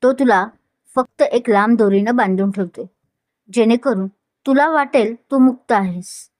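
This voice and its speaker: A woman's voice: a little high, a little slow, darkish tone, no room sound, studio quality, lightly acted. A woman voicing a scheming, manipulative young woman who talks in a persuasive, insinuating way.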